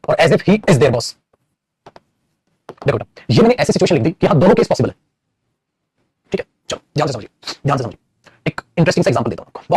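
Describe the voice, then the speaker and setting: A young man lectures an English grammar class, his husky voice leaping up and down in a lively way. He rattles on at a racing pace and calls his students beta and bhai. The sound is dry and close. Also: fairly high pitch, no echo. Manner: animated, addresses students as beta and bhai, playful acted asides.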